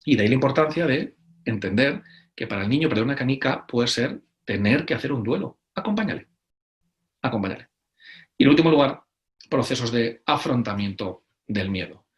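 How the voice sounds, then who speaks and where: A middle-aged man with a Spain Spanish accent gives an animated conference talk, acting out quoted voices between frequent hesitations. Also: medium pitch, a little fast. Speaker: conference speaker.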